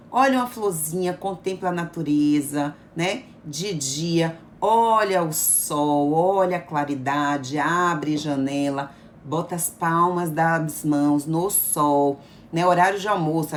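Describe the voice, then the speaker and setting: A middle-aged woman doctor talks viewers through health tips in a chatty, coaxing way. Her voice sits a bit low for a woman. A faint background noise runs under the recording. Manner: chatty, coaxing, often adds "tá bom?" and "né?". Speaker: eye doctor giving health advice. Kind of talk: informal health talk to viewers.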